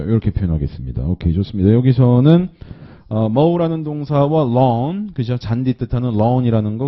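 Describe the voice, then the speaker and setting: A man teaching an English listening class, slowly repeating phrases and checking in with students after nearly every line. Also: medium pitch. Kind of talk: recorded online lecture. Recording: dull lo-fi lecture recording.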